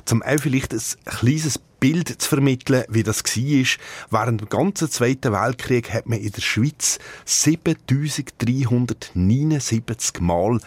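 A man's voice: fairly low pitch, a little mellow, husky, no echo. A man with a Swiss German accent, a radio editor explaining things in a studio interview.

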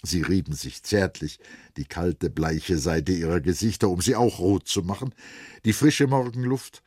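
A man narrating a literary audiobook in an expressive, melodic way. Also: low-pitched, a little slow, dry recording, clean studio sound.

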